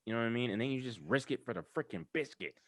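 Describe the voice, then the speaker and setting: A mid-pitched man in a casual podcast chat, ranting in a lively voice that moves up and down. The recording is close and dry. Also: rapid-fire, dry recording. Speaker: podcast co-host.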